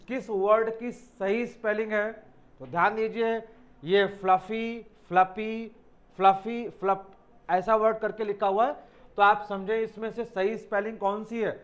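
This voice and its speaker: A man with a high-pitched voice teaches English spelling for exam preparation. He explains each word step by step and spells words out letter by letter, calling his students children.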